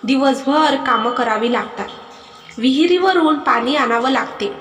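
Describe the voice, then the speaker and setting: Storybook role: woman reading as a sharp-tongued young wife, high voice, echoey hall. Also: measured pace. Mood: angry complaining. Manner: complaining, raises her voice. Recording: echoey hall with music behind.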